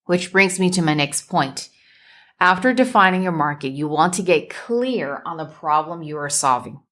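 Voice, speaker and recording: A woman from the United States hosting a solo business podcast, speaking in a measured way and building her points in emphatic lists. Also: low-pitched, animated, a bit bright. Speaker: podcast host and business coach. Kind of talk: solo motivational podcast talk.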